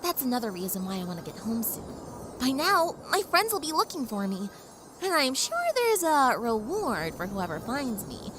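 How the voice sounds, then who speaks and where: Very animated and fairly high in pitch, a woman speaks at normal speed as a young pony princess in an audio drama. She's friendly, polite, playful and earnest with a slightly grand manner, heard over a noisy background with faint ambience.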